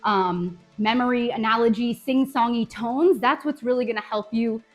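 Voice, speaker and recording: A woman's voice: on the high side, normal speed, soft background music. A woman teaching a dance tutorial in an upbeat coaching manner, counting beats aloud. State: out of breath at times. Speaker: dance instructor.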